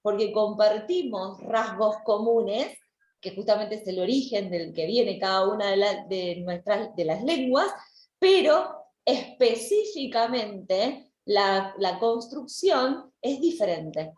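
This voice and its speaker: A woman's voice: mid-range voice, animated, takes it slowly, a little mellow, echoey room. A woman, lecturing an online language class and explaining step by step with frequent restarts. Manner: explanatory, with many restarts and repeated words. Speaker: language teacher.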